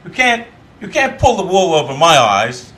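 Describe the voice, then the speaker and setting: Actor as a middle-class Jamaican, British-tinged accent, indignant, loud, pitched up. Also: male voice, sing-song, normal speed.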